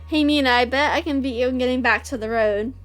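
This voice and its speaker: A woman voicing a gentle young adult man, soft and earnest, while reading a visual novel aloud. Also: high-pitched, fast talker, faint music behind, lightly acted. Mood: tender.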